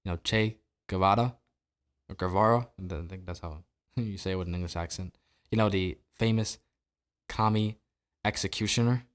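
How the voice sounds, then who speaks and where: A man's voice: low voice, normal speed, pauses often, clear, resonant tone. A man from New Jersey hosting a solo political commentary podcast, talking in a sarcastic, opinionated way with rhetorical questions. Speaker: podcast host.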